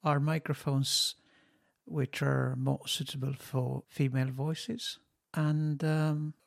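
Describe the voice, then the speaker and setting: Close on a dynamic studio microphone at a home studio desk, a man checks his podcast mics in casual talk. His gravelly voice sits a little high with a flat delivery, and he speaks slowly, halting often, using many fillers and non-native phrasing.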